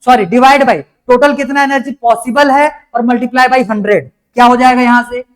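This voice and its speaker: A man, teaching a class. He works through each step slowly and often stops to ask whether the students follow. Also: extremely high pitch, fairly even intonation. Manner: explains step by step, keeps asking if it is clear. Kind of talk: classroom lecture.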